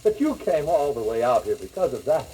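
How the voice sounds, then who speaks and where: A man's voice: medium pitch, very animated, brisk, mellow, husky. A man playing a gushing, overwrought company president in a 1940s radio comedy. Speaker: dairy president character. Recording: noisy old 78 record.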